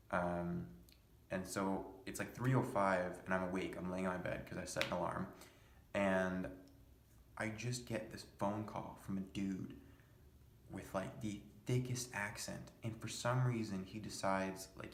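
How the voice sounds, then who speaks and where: Exasperated young man with a deep voice. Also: vocal fry. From United States. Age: young adult. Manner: exasperated, profane and rambling. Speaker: vlogger. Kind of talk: casual storytelling. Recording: echoey room.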